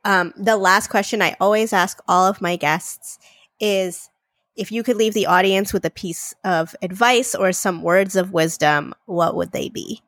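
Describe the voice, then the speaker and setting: A woman's voice: medium pitch, unhurried, a bit bright, no echo, clean studio sound. A woman hosting a casual interview show, friendly and asking short questions. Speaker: podcast host.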